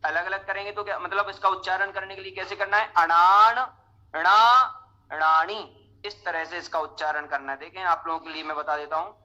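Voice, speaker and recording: A young man teaching a scripture class, explaining slowly and chanting verses line by line for students to repeat. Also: sits high, level tone, bright, forceful tone, highs cut off. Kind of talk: scripture lesson with chanted recitation.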